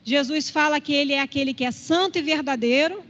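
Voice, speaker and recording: A woman with a Brazilian Portuguese accent and a high voice leads a church Bible class. She talks in a conversational way and keeps checking in with the class. The sound is somewhat dull and rings with a long hall reverb. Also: fairly quick, fairly bright tone.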